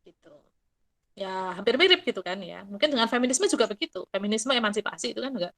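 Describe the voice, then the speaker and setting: Animated woman explaining. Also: fairly high pitch, fast. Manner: animated, mixing in Javanese quips and acted quotes. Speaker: guest speaker. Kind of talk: casual explanatory talk.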